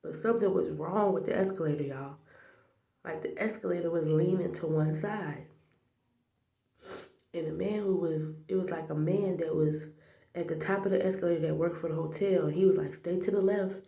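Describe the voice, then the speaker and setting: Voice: medium pitch, normal speed, dark tone. A faith vlogger sharing a dream and a spiritual message to camera, heartfelt and tearful, talking straight to the viewers and sometimes dropping to a whisper. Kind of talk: emotional spiritual testimony to camera. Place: small bathroom. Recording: echoey bathroom.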